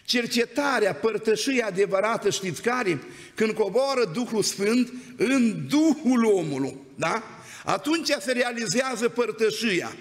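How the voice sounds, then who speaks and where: A man's voice: high-pitched, a bit bright. A man preaching a sermon in a church, telling stories in a conversational way and often prompting the congregation with "amen?". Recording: long church hall reverb.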